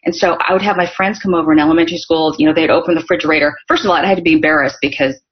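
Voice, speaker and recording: A middle-aged woman with a fairly low voice talks as a guest in a casual interview and tells stories with plenty of fillers. She is from Northern California. The recording is dull and lo-fi. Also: steady tone, racing. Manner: chatty storytelling with frequent fillers. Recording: dull lo-fi audio.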